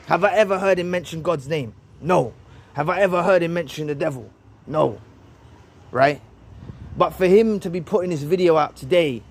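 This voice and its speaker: A man giving a heated, preachy commentary monologue. He repeats his phrases and ends his points with "right?". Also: high-pitched. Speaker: vlogger responding to another video.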